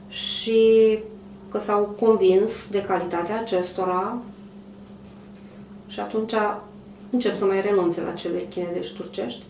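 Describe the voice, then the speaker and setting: A woman's voice: mid-range voice, darkish tone. Hesitant woman in her fifties, echoey room. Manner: measured, hesitant, frequent pauses and throat clearing. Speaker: head of a clothing manufacturer. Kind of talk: interview answer. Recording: roomy, distant mic, faint hum.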